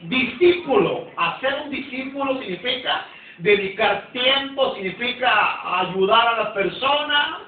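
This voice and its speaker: A man's voice: very high-pitched, expressive, a little slow. A man with a Nicaraguan Spanish accent, a pastor teaching a Sunday school sermon, emphatic, often repeating and restarting phrases and calling for responses from the congregation. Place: church hall. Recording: distant, echoey, phone-like church recording.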